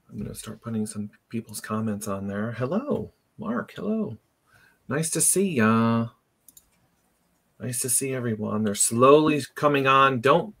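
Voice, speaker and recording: A podcast host runs a live online show, chatting casually and greeting viewers by name in a sharp, medium-pitched voice.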